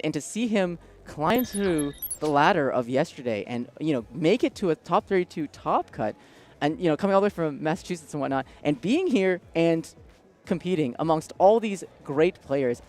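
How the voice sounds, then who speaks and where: Excitable male card game commentator. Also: on the high side, moderate pace, few pauses. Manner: excitable, breathless bursts of hype. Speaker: tournament commentator. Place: convention centre.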